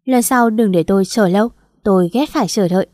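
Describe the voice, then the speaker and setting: A woman's voice: mid-range voice, brisk, mellow, dry recording, clean studio sound, close to an everyday voice. A woman voicing a cold, domineering businessman. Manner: cold, mocking.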